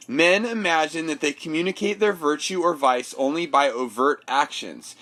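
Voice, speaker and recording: A man with a slightly high, somewhat bright voice records a personal voice memo. He reflects casually in a thoughtful way, then reads an essay aloud.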